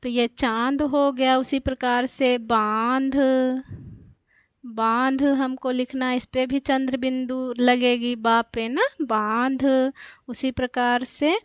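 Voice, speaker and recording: A woman with a high voice teaching a children's grammar lesson. She speaks slowly and patiently, repeating each example word. The sound is dry and close. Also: flat delivery, clean tone, no echo. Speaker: Hindi teacher.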